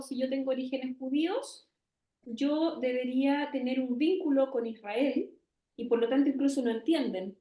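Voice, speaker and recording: Chilean woman guest, earnest explainer with a high voice, recorded in a roomy space. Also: warm tone. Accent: Chilean Spanish. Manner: earnest, tag questions, many pauses. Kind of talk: conversational interview, explaining.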